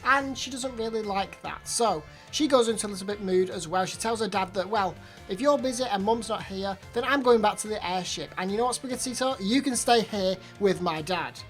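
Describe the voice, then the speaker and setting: Over soft background music, a woman with a mid-range voice hosts an anime review channel, talking fairly quickly through a casual episode recap. Hay fever leaves her voice slightly off, and her chatty summary is full of repeated words.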